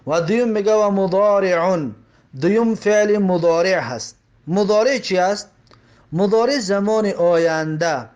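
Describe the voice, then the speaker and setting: A man gives a grammar lesson in a high-pitched voice. He drills the same examples over and over, posing questions and answering them himself in a steady teaching manner. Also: dull audio. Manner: repeats examples, asks and answers own questions.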